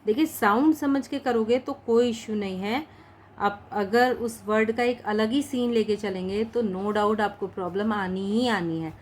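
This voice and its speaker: A woman teaching a shorthand lesson in Hindi mixed with English words. She speaks patiently, slowly says each practice word and repeats it. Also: mid-range voice, slight background noise. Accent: Indian English words mixed into Hindi.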